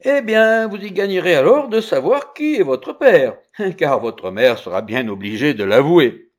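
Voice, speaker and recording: A man voicing the boy seer Merlin, bold, accusing and solemn, in loud pressing declamation. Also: a little high, sing-song, unhurried, voice pushed up. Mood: insistent.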